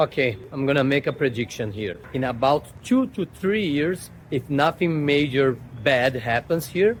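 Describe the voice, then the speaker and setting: A man's voice: mid-range voice, lively intonation, fairly quick, a little hiss or hum, rough recording. Enthusiastic man vlogging casually. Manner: enthusiastic, repeats "super", playful. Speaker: travel vlogger. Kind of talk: casual travel vlog chat. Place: outdoors in city streets and a gym.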